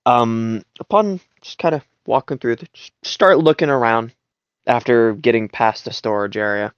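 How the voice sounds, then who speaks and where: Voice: mid-range voice, normal speed, clear, resonant tone, no room sound, dull audio. A player describing their characters' moves in a tabletop game, rambling and hesitant, fighting yawns.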